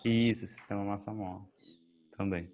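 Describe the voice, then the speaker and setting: A man's voice: on the low side, fairly even intonation, normal speed, a little mellow. A man, helping the teacher in a remote class, with brief agreeable replies. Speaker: class helper. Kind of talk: casual chat.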